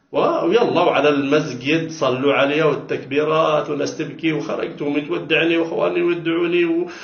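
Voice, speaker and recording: A man's voice: on the high side, echoey room, lo-fi sound. A man telling his own near-death story with dramatic emphasis, repeating words and pleading with his listeners. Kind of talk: emotional personal testimony. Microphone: phone.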